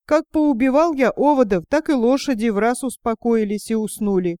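A woman's voice: fairly high pitch, moderate pace, warm tone, smooth, no echo, studio quality, close to an everyday voice. A woman voicing a lazy, foolish young peasant man in a fairy tale, grumbling and blustering.

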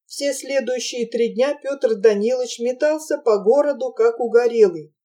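A woman reading a story aloud as narrator, in a measured, expressive audiobook style. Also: a little high, distant mic.

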